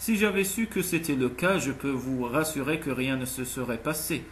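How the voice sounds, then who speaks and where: A man's voice: mid-range voice, normal speed, a little hiss or hum, natural voice. A man voicing a cynical, sceptical wealthy man in an audiobook, with a dry, cutting delivery. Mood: cold. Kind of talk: audiobook character voice.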